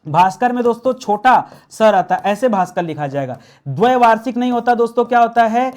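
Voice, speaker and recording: A man's voice: very high-pitched, lively intonation, a little fast, a little mellow. A man teaching an online grammar class. He asks his viewers questions, answers them himself and repeats the key words.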